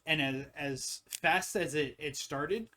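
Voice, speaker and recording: A young man co-hosting a podcast, talking reflectively with halting restarts and joking in casual chat. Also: fairly high pitch, bright, forceful tone. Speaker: podcast co-host.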